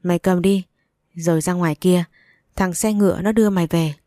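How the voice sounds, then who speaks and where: A gruff, weary old matriarch, as a woman narrator puts her on, giving blunt orders. The voice sits low and mellow, and it is recorded dry and close for a storybook reading. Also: fairly even intonation, fairly quick, no echo, natural voice. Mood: stern. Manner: blunt, commanding, sighing. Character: stern older wealthy matriarch, gruff and weary.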